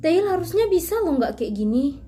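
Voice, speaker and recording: A woman reading a fan story aloud and reacting to it in casual chat, excitable and exclaiming between passages. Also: very high voice, moderate pace, a little hiss or hum. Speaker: fan fiction reader and reactor.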